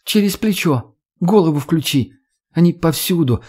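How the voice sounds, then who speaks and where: A man's voice: fairly high pitch, animated, moderate pace, darkish tone, slightly rough, voice pushed up. A man voicing a sly, teasing young redheaded woman who swears and mocks in an audiobook. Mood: mocking.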